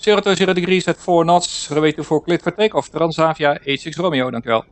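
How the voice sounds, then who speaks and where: A man's voice: on the high side, fast talker, no room sound. A man, an airline pilot giving clipped radio calls and checklist callouts over a cockpit headset microphone.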